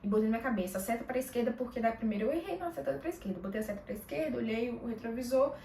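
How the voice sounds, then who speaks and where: A woman vlogger telling a personal story in a casual, animated way, acting out bits of dialogue. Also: a little high, very fast, slight background noise. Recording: echoey room, mic a bit far off.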